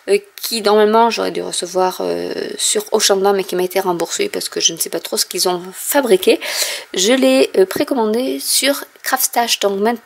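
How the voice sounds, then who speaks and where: A woman's voice: fairly high pitch, creaky. A French-speaking woman presenting a casual craft product haul at home, explaining in a chatty way with frequent fillers. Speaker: craft vlogger.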